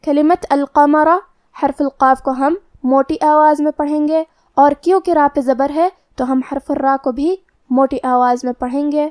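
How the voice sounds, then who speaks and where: A woman teaching Quran recitation, explaining pronunciation rules in a measured, step-by-step way. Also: high voice, fairly even intonation, a little mellow. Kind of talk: tajweed lesson, explanation and slow recitation.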